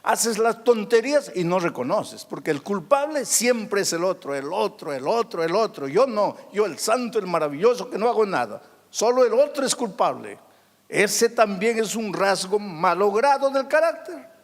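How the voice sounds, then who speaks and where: A male pastor preaching a dramatic sermon, swinging from loud outbursts to hushed, soft passages. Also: high-pitched, big pitch swings, normal speed. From Peru. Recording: long hall reverb.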